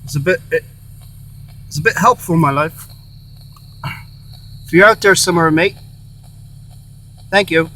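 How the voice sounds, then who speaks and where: A man hosting a paranormal session in casual, halting talk, repeating himself and breaking off phrases. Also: on the high side, bright, forceful tone. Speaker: host of a paranormal spirit box session. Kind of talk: casual rambling vlog talk, addressing spirits and viewers. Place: in or beside a car. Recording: faint hum and noise.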